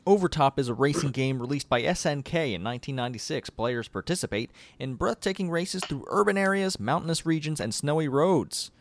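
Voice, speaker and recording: A man's voice: fairly high pitch, animated, a little fast, hardly any pauses. A man hosting a casual gaming podcast, leading segments with a teasing, chatty manner. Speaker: podcast host.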